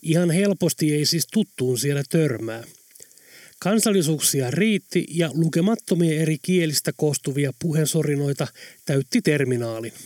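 A man narrating an audiobook in a steady, measured storytelling voice. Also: on the high side, no room sound.

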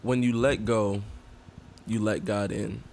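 A man co-hosting a faith podcast, explaining in a relaxed way and often chiming in with agreement. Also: lowish voice, takes it slowly, gravelly, slight background noise. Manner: affirming, chimes in with agreement. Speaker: podcast co-host.

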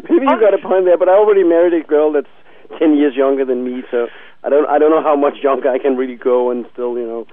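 A forty-year-old man co-hosts a casual podcast chat, sounding hesitant, repeating words, and laughing often. His voice is fairly high in pitch and a little fast. The line sounds tinny, like a phone.

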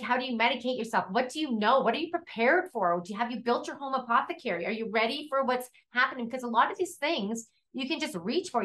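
Chatty woman hosting, animated. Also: on the high side. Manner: animated, exclaims often, repeats "like". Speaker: podcast host. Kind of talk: casual conversational interview.

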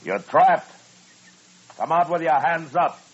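An actor playing a stern, steady, terse frontier marshal who leads and narrates an old radio western. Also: male voice, on the high side, takes it slowly, husky. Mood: tense, commanding. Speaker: lead character and narrator. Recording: dull old radio recording with music.

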